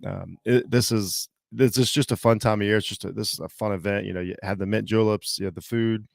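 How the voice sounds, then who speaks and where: Gravelly man with a slight Southern accent. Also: lowish voice, fairly even intonation, no room sound, studio quality. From Southeastern Ohio. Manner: halting, many fillers and restarts. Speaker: podcast host. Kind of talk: casual solo sports talk.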